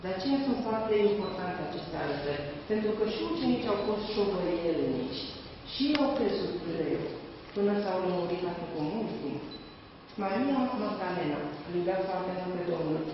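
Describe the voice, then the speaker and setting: A man's voice: high voice, lively intonation, background noise. A man, a parish priest, giving a catechism lesson in a conversational teaching manner with strong emphasis. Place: parish hall or church. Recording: far, echoey, dull room recording.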